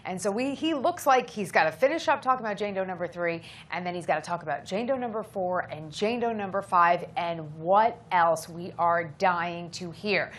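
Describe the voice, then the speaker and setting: A woman's voice: fairly low pitch, normal speed, few pauses, fairly bright tone. A woman hosting a live legal news discussion, speaking in an emphatic, argumentative way.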